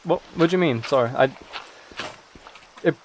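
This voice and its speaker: A tired-sounding man, a musician who livestreams, chats casually during a gaming stream, rambling and cutting himself off as he answers viewer comments. His voice is slightly high and his pace moderate, and the poor audio carries a bit of hiss or hum.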